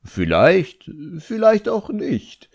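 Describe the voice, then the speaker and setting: A man's voice: lowish voice, very animated, darkish tone, no room sound, studio quality, full character voice. A man reading an audiobook, voicing an ancient sardonic male djinn who mocks and draws out his words. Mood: mocking. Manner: mocking, drawn-out, teasing.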